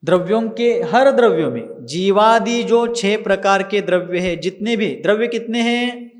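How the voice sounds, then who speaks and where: A man's voice: high-pitched, normal speed. A man teaching a religious text, patiently drilling pronunciation word by word and then explaining each term. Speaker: scripture teacher.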